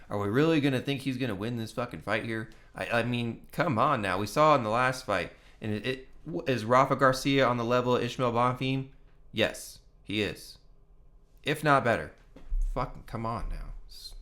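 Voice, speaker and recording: Hosting his own fight picks channel, this man talks casually in a medium-pitched, fairly bright voice. He gets worked up as he gives his fight predictions, swearing often and repeating himself for emphasis. His manner is heated and profane, peppered with "come on now" and "you know what I mean."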